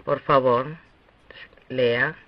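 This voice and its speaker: A man teaching a recorded lesson on Hebrew pronunciation, speaking slowly and deliberately with long pauses. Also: medium pitch, steady tone. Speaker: Bible language teacher. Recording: dull, dry lo-fi recording.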